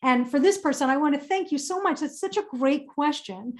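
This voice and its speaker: Speaking a little fast in a high-sitting voice, this woman fields audience questions during a career webinar. She's upbeat and emphatic, frequently repeating phrases to drive her points home.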